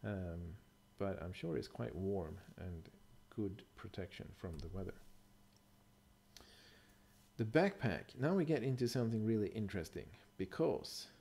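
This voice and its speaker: A man's voice: on the low side, mellow. A middle-aged man giving a casual, explanatory voice-over, thoughtful and a little hesitant, with fillers and self-corrections. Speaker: bushcraft presenter.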